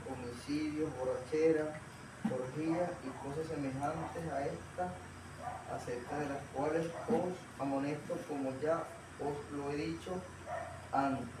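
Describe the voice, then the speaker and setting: Man reading scripture aloud, somewhat high voice, distant in a roomy hall with noise. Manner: steady reading of a list, some words pressed louder. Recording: echoey room, far from the mic, clear noise.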